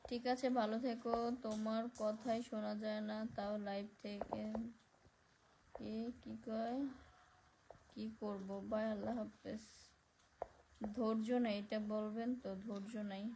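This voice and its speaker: Soft-spoken woman with a gravelly voice. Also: mid-range voice, little pitch movement, unhurried, long pauses, noisy background. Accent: Barishal Bengali. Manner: reads comments aloud and thanks viewers by name. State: speaking softly because of neck pain. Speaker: live-stream host reading viewer comments. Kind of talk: casual live-stream chat.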